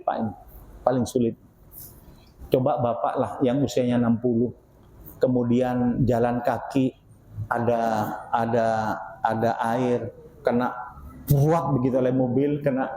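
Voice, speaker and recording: Man in his sixties, preaching, rhetorical and animated, warm mellow tone, reverberant hall. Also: a little hiss or hum. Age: 60s. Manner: animated, rhetorical questions to the congregation, swings between loud and low. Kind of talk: mosque study-circle sermon. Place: mosque hall. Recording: echoey mosque hall.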